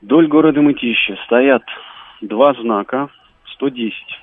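A man's voice: mid-range voice, unhurried, a little hiss or hum. Male radio caller on a tinny phone line. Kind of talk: plain conversational explanation.

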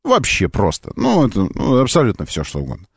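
A man's voice: medium pitch, huge pitch swings, fairly quick, creaky, husky, dry recording, clean studio sound. A man hosting a live car call-in radio show, talking conversationally and emphatically, arguing his point and repeating phrases. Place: radio studio.

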